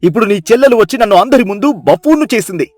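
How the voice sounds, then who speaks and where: A furious, scornful husband. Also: male voice, high voice, animated, quick pace, no echo, clean studio sound. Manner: shouting, contemptuous. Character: furious bitter young husband, scornful and cruel.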